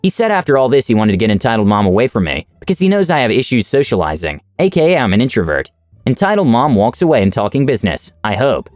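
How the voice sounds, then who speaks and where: A man narrates online stories in an expressive, lively read with very animated pitch. His voice is close and dry, with faint music underneath. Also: fast, no echo. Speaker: story narrator.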